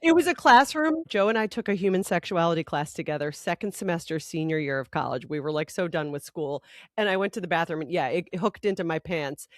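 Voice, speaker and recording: A woman in her forties, a podcast co-host telling a story in casual chat, animated and laughing often. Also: fairly low pitch, quick pace, no echo, clean studio sound.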